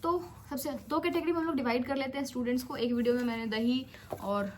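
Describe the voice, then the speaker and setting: A woman's voice: high-pitched, fairly even intonation, fast talker, a little hiss or hum. A young woman in her twenties, a medical student, coaching exam students in a casual, bossy, teasing big-sister tone with playful scolding. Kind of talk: casual direct-to-camera coaching.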